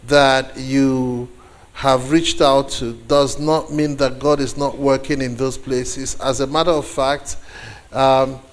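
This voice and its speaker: A Nigerian-accented man with a mid-range voice gives a guest sermon to a congregation. Originally from eastern Nigeria and a native Igbo speaker, he talks deliberately, relying on pauses and repetition for emphasis.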